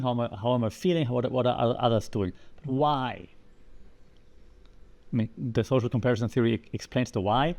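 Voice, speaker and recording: A man hosting a podcast, explaining ideas in a lively way and asking the listener rhetorical questions. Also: medium pitch. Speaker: podcast host.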